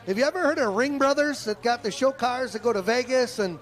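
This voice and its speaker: A man's voice: very high voice, a little fast. A man working as a tractor pull announcer, calling competitors and reading sponsor plugs live. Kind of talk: live event announcing with sponsor reads and banter.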